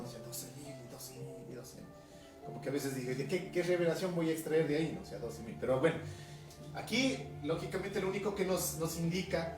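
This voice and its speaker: Ecuadorian pastor guy preaching, keeps asking the crowd questions, music playing underneath. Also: on the high side. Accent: Ecuadorian highland Spanish. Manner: conversational preaching, reading scripture aloud, frequent tag questions. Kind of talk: sermon. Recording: echoey room from a distance, music behind.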